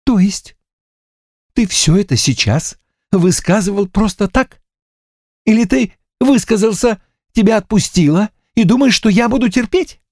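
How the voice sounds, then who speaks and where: A man voicing a brash, quick-tempered blonde young woman in an audiobook, talking loud and sarcastic. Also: medium pitch, animated, no room sound, clean studio sound, pitched above the performer's own voice. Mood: indignant.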